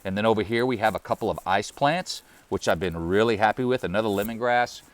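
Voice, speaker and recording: A man with a somewhat low voice leads a relaxed tour of his deck garden. He talks plainly and easily, with the odd "uh" and "um", like a gardening host chatting to his viewers outdoors. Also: quick pace, no echo. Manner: relaxed, friendly, plainspoken with fillers. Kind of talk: casual garden tour walkthrough.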